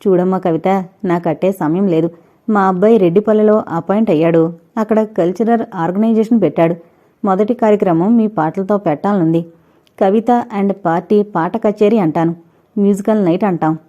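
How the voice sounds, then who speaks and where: Brief: woman reader doing a businesslike older man in a hurry, mellow tone, dull lo-fi sound. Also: medium pitch, normal speed, natural voice. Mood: brisk. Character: older man, busy cultural society president.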